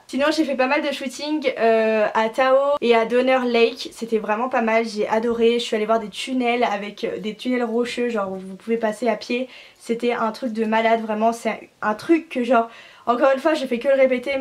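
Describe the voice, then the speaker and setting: Young french woman vlogging, slightly high voice, gushy and full of slang and fillers. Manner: chatty, gushing, slangy with many fillers. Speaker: au pair vlogger. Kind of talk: casual talk to camera.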